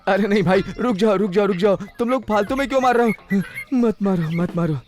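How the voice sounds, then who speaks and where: A man's voice: high voice, a little fast, a little mellow, lightly acted. A man playing a pleading, scared captive. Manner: pleading, exasperated. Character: frightened male captive, pleading and exasperated. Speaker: kidnapped estate owner. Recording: film dub with music underneath.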